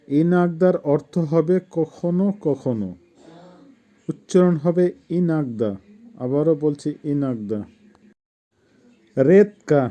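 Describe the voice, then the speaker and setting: A man teaching a vocabulary lesson, saying each word, giving its meaning, and repeating it slowly for pronunciation. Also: a little high, mellow, highs cut off. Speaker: language teacher.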